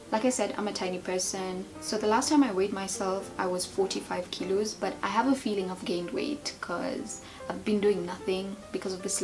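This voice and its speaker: A woman in her twenties chatting casually in a tag video, rambling and playful as she answers questions. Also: medium pitch. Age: 20s. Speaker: beauty and lifestyle vlogger.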